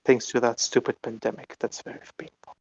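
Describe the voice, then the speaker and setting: A man's voice: mid-range voice, flat delivery, brisk, creaky, no room sound, highs cut off. A man talking through a voice changer, giving curt, unbothered answers as the interviewee. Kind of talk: casual online interview.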